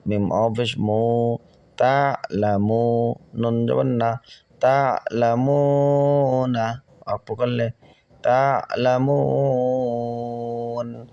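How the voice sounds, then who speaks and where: A man's voice: mid-range voice, flat delivery, gravelly, mellow, dry recording, dull audio. A man teaching Quran reading, spelling out each word letter by letter for learners and then reciting the verse. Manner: slow, patient letter-by-letter drilling, then melodic recitation.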